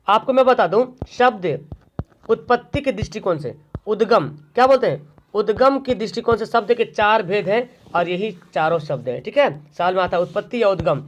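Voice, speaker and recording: A man's voice: high voice, a little hiss or hum. A man teaching an online exam-prep grammar lesson, asking questions and answering them himself. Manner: drills by asking and answering his own questions. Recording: dull lo-fi recording.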